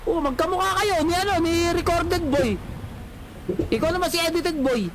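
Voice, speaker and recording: A very high-pitched voice at normal speed mocks the chat, cycling through repetitive, teasing catchphrases in a livestream rant. Loud background music sits over the speech.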